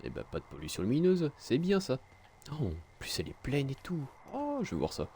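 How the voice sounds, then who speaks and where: A man's voice: medium pitch, wildly swooping pitch, fairly quick, mellow, a little hiss or hum. A man playing a video game on stream, reading its story text aloud and adding casual, crude asides. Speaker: let's play streamer.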